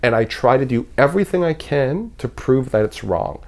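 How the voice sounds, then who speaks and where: A man's voice: mid-range voice, expressive, normal speed, gravelly, a little mellow. A man from Canada, a podcast guest, talking in a thoughtful, rambling way with frequent restarts. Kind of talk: casual conversational interview.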